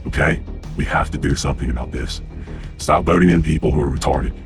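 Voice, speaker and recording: A man's voice: extremely low pitch, fairly quick, creaky, over music. A man hosting his own channel, ranting angrily and profanely to his viewers, a little out of breath. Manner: angry, profane, keeps addressing viewers as guys. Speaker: channel host. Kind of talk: ranting commentary to camera.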